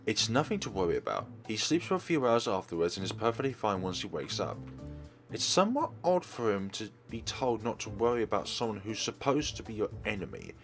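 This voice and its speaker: A let's play host with a lowish voice reads a visual novel's text aloud, his pitch swinging hugely up and down at a fairly quick pace. He occasionally stops for casual asides, with faint game music playing softly behind him.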